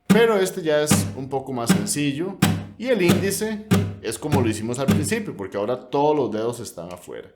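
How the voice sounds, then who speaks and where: A man teaches a classical guitar lesson in an ordinary mid-range voice. He explains patiently and counts each beat aloud while he plays. Loud guitar strumming fills the background. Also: mid-range voice, lively intonation, a little fast. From Costa Rica. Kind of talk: instructional lesson.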